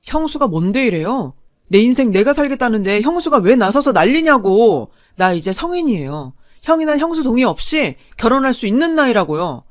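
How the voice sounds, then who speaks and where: A woman's voice: on the high side, dry recording, clean studio sound, voice pushed up. Woman voicing a defiant young brother-in-law. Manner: indignant, raised voice. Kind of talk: radio drama acting.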